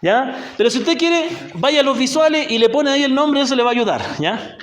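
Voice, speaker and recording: This Chilean man, a missionary teacher, runs a Bible class in a rural community's church hall, and the sound is roomy. His very high-pitched, expressive voice moves a little fast. He patiently asks the group questions, frequently checking in with "ya?".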